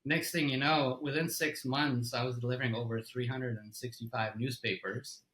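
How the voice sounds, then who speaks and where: A middle-aged man from Egypt, a company CEO, telling his story as an interview guest in a relaxed way, with fillers and restarts. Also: mid-range voice, moderate pace, rough recording.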